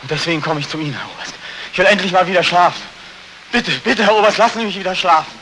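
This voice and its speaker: Haunted young soldier, high-pitched, feverish, militarily deferential, 1940s film drama, hissy old soundtrack. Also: male voice, fast, pushed and bright, rough recording. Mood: pleading. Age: young adult. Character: haunted, sleepless young soldier back from war. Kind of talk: 1940s German film acting.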